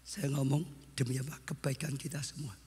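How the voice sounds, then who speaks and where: A man preaching a wedding sermon, telling stories and swinging between loud exclamations and hushed asides. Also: medium pitch, level tone, a little fast, slightly rough. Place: church hall. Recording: long hall reverb.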